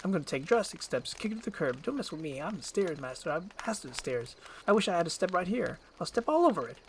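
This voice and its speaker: A man's voice: sits high, big pitch swings, fast, a little hiss or hum, pitched above the performer's own voice. A man voicing a jittery, cowardly but boastful talking donkey, rambling and pleading as in a storybook screenplay reading. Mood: nervous bragging. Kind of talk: storybook screenplay read with character voices.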